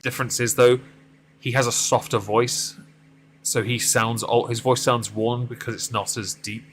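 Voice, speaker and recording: The recording is low quality with a little hiss or hum. A man in his thirties with a deep voice speaks at a moderate pace with little pitch movement, rambling casually to viewers and putting himself down as he drives in a game on stream.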